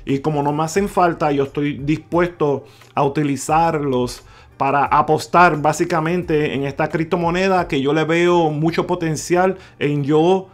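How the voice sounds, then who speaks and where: A man hosting a crypto video, talking viewers through numbers on screen, calling them "mi gente" and repeating figures slowly. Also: on the high side, fairly even intonation. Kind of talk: screen-share explainer talk. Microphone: voice-over on screen recording.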